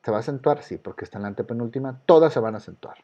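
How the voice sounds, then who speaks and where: A man's voice: medium pitch, racing, mellow, dull audio. A man with a Mexican Spanish accent teaching an online class, patiently explaining step by step and asking his students questions. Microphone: video call.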